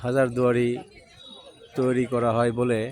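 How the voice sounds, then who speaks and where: A man vlogging on location, guiding viewers around a historic palace in short, measured phrases. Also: mid-range voice, steady tone. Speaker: travel vlogger. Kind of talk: on-location guided tour. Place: outdoors at a historic palace site.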